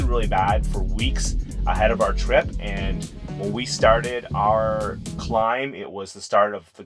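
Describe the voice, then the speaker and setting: Relaxed man over loud music. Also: lowish voice. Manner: relaxed, plain storytelling. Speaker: vlog co-host. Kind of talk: casual vlog narration.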